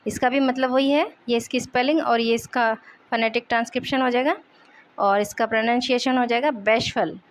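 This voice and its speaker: A young woman teaching English vocabulary in Hindi, repeating each word slowly and explaining its meaning. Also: fairly high pitch, steady tone.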